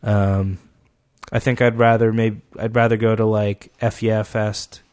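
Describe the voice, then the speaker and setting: A man co-hosting a podcast in casual chat, rambling with lots of fillers and halting restarts. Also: fairly low pitch, flat delivery, darkish tone. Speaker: podcast co-host.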